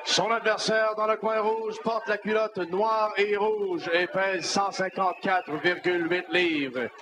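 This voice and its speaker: Give the ring a Quebec French man with a high voice, hyping fighters as a formal announcer. He draws out names slowly and showily over clear live noise. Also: fairly even intonation, a crowd in the background. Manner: showy fight-announcer hype, drawn-out names. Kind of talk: formal boxing ring introductions. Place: boxing event in a club. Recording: noisy live boxing hall.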